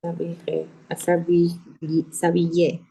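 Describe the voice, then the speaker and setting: A female learner answers slowly and tentatively in a lowish, mellow voice. There is a husky edge to her tone. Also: monotone, rough recording. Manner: tentative, repeats forms back to the teacher. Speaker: student.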